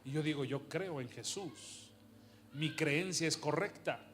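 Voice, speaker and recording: A man preaching a sermon with passion, asking rhetorical questions and swinging from hushed to loud. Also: a little high, unhurried, slight background noise.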